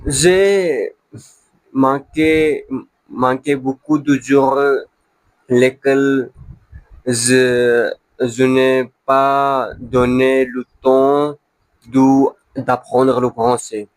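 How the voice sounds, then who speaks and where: A man speaks broken, beginner French with a non-native accent, at a very slow pace. He halts to hunt for words and often repeats them, as in a casual practice monologue. His medium-pitched voice is recorded dry, with little room sound. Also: fairly even intonation, dry recording, poor audio. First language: not French, a beginner learner of French. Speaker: language learner.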